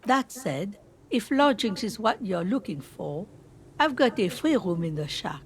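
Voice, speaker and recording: A woman's voice: medium pitch, very animated, a little slow. An actress playing a very old washerwoman in a video game, weary, plainspoken and folksy in a resigned way. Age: older. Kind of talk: video game dialogue acting.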